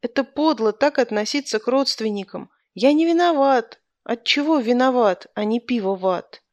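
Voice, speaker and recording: A woman's voice: on the high side, lively intonation, moderate pace, no echo, muffled recording, pitched above the performer's own voice, natural voice. A woman voicing a cheeky young schoolboy who keeps asking silly punning questions. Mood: sulky. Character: cheeky boy schoolboy, pun-obsessed, sulky.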